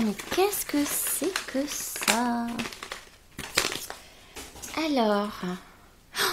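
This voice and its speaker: A woman's voice: on the high side, a little hiss or hum. A woman chatting casually as she unboxes beauty gifts, gushing with exclamations. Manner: gushing, exclamatory, slow and drawn out. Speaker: beauty vlogger.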